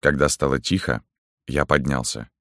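A man narrating a first-person novel in a steady, even reading. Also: a bass voice, moderate pace, vocal fry, no room sound, studio quality. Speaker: audiobook narrator.

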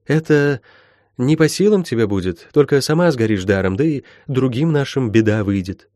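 A man's voice: medium pitch, expressive, normal speed, darkish tone, no room sound, studio quality, voice pushed up, natural voice. A man voicing a stern middle-aged woman healer who talks in old-fashioned folksy speech, in an audiobook. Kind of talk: audiobook character voice.

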